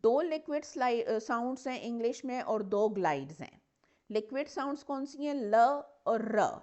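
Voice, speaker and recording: A woman's voice: on the high side, lively intonation, fairly quick, a little mellow. A woman teacher, giving a patient step-by-step lecture on English consonants and repeating example words. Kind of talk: classroom lecture mixing Hindi and English. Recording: muffled lo-fi recording.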